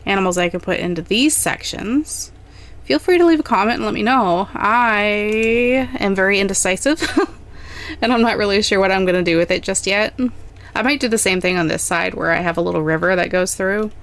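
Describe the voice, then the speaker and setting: A young adult woman giving relaxed, rambling gameplay commentary, thinking aloud as she plans. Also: mid-range voice, normal speed. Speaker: gaming channel host.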